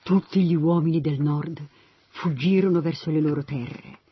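Bible narrator, husky, dry, dull sound. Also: mid-range voice, moderate pace. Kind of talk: Bible story reading.

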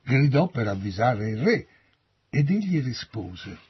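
A man reading a Bible story aloud as an expressive storyteller. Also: mid-range voice, measured pace, a little hiss or hum. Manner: expressive storyteller, lively intonation. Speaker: narrator. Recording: dull dry recording.

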